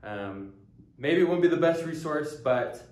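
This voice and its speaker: An American language teacher in his early twenties gives an earnest, casual talking-head introduction to a language course, with frequent ums and restarts. His fairly high voice is animated yet darkish in tone, his pace is measured, and the sound is roomy.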